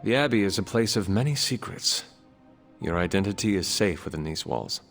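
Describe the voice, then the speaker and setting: A grave, deep-voiced demon hunter. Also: male voice, expressive, creaky, fairly bright tone, faint music behind, exaggerated voice. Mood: solemn. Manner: measured, solemn, understated. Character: calm male demon hunter, grave and dry-witted. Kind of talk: video game voice acting.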